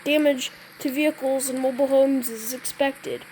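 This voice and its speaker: In a rough recording with a faint hiss or hum, a woman with a high, slightly mellow voice speaks at a moderate pace and fairly even intonation. She's a gamer role-playing an emergency alert scenario, switching between casual remarks and improvised mock weather bulletins. She often clears her throat and stumbles over the wording she reads out.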